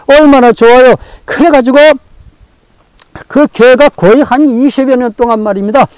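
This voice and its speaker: A male pastor preaching a sermon, repeating phrases for emphasis and telling stories in a lively, colloquial way. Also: very high voice, smooth, no echo, low-quality recording. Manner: colloquial, animated storytelling with acted-out quotes.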